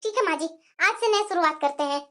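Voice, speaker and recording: A woman's voice: extremely high pitch, fast, bright, forceful tone. A woman voicing a young daughter-in-law in a cartoon, pleading earnestly and standing her ground. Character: young daughter-in-law, hurt but firm. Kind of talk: cartoon voice acting.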